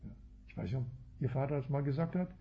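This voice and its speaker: A man's voice: mid-range voice, animated, quick pace, creaky, breathy edge, highs cut off. A man giving an expository sermon as a Bible teacher, with a habit of tagging sentences with "ja" and correcting himself as he goes. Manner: frequent tag "ja", self-corrections.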